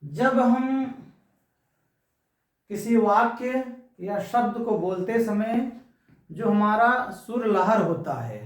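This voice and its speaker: Male teacher with a high voice who quizzes the class and answers himself, recorded far off in a booming room. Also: animated, very slow, long pauses. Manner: repeats key terms, asks and answers his own questions. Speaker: Hindi teacher. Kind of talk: classroom lesson. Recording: very echoey room, far from mic.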